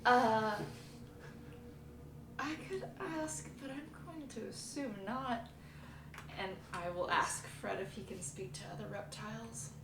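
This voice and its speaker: A woman's voice: a little high, measured pace, long pauses. A woman playing a tabletop game, teasing and laughing a lot. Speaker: player. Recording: distant mic, echoey room, noise.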